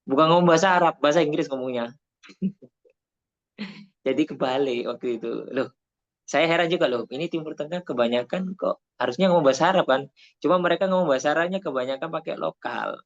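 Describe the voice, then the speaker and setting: A man's voice: medium pitch, muffled recording. A man teaching Arabic in casual talk, telling anecdotes and mixing in Arabic phrases. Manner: chatty, tells personal anecdotes, mixes in Arabic phrases.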